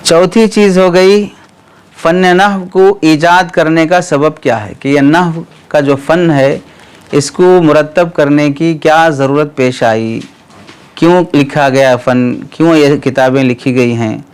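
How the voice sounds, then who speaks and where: Man, grammar teacher, smooth resonant voice, rhetorical questions to students, clears throat. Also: fairly high pitch, slow. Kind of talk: classroom lecture.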